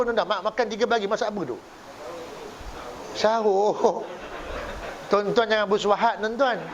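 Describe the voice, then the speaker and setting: A male preacher with a Malaysian Malay accent giving a joking mosque sermon, acting out both sides of a story. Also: high-pitched. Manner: jokey storytelling, acts out both sides of a dialogue. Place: mosque hall. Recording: dull lo-fi recording with faint hiss.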